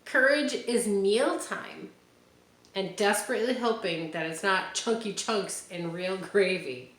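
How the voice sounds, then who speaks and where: A woman reads a children's picture book aloud in a mid-range, unhurried voice, chatting animatedly with young listeners between pages. The storytime recording has a roomy echo and faint ambient hiss.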